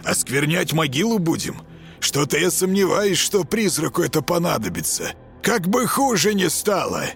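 A man's voice: a little high, big pitch swings, normal speed, vocal fry, soft background music, voice pushed up. A man reading a skeptical older companion who keeps objecting, in an audiobook. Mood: doubting. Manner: doubting, objecting.

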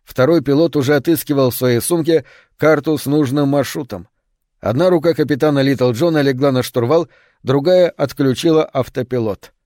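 A man reading a novel aloud as an audiobook, with even, measured storytelling. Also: medium pitch, no room sound, clean studio sound. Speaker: narrator. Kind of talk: audiobook narration.

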